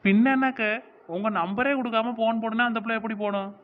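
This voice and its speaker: A woman's voice: a little high, fairly even intonation, fast talker, narrow, tinny audio, heavy background noise, natural voice. Woman voicing a cheeky teasing village girl. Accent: southern Tamil village dialect.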